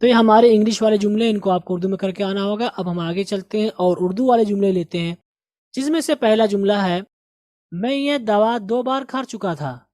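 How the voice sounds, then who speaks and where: A man teaching an English lesson, patiently repeating words and sentences slowly for pronunciation practice. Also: high-pitched, darkish tone, dry recording. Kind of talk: recorded language lesson.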